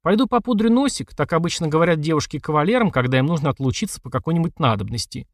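A man's voice: fairly high pitch, very fast, no room sound, natural voice. A man voicing a bold, cheeky teenage girl in an audiobook, talking brashly and mockingly.

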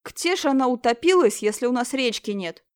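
A woman's voice: a little high, expressive, a little fast, a little mellow, pitched above the performer's own voice, natural voice. A woman voicing a cocky, mocking schoolboy. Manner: mocking, blunt.

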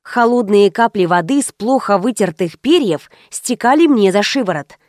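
A woman's voice: mid-range voice, animated, normal speed, darkish tone, dry recording, studio quality. A woman narrating a first-person comic novel in an ironic, chatty manner that speaks straight to the listener. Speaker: audiobook narrator.

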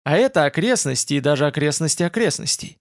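A man's voice: on the high side, animated, quick pace, no room sound, studio quality. A man voicing a cocky, boastful companion. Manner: brash and boastful.

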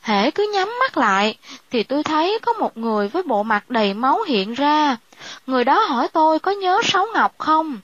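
An anxious, haunted middle-aged wife of a district official speaks in a high, dry voice, as a woman storyteller puts her on. The recording sounds slightly dull and lo-fi. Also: very animated, normal speed, a bit bright, dry recording. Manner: anxious, fretful.

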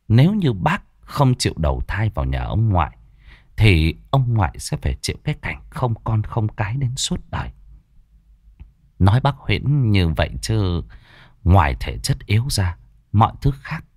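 Man, ghost story narration, very lively pitch, dry close sound. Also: no room sound. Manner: expressive, dramatic.

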